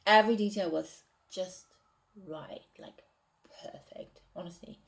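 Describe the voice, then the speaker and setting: A woman reads from her novel draft and talks it over, hesitant and pausing to rethink her wording. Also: fairly low pitch, vocal fry. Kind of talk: casual reading and commentary.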